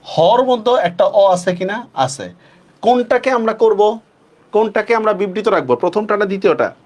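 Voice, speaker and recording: A man teaching a class, who slows down to stress each rule and keeps asking his students whether they follow. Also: sits high, lively intonation, darkish tone. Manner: asks students frequent check-questions; stretches words slowly when stressing rules. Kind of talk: online class lecture.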